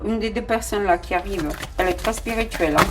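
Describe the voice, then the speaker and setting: Against heavy background noise, a woman talks fast at medium pitch while giving a casual tarot reading. French isn't her first language, and she speaks right to viewers with frequent fillers and restarts.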